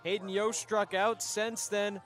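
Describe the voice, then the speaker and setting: A man calling baseball play-by-play, brisk and chatty, bantering with his booth partner. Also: sits high, level tone, a bit bright, faint music behind. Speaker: play-by-play announcer.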